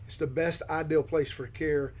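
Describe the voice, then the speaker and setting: A man on a ministry team who guides a podcast discussion, affirming his partner and posing questions in a steady manner. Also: fairly high pitch, moderate pace. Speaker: discipleship ministry team member leading the discussion.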